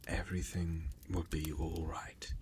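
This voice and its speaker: A man giving gentle, reassuring ASMR relaxation in a soft spa-like whisper, in short phrases with pauses. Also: sits low, flat delivery, a little hiss or hum. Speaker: ASMR guide.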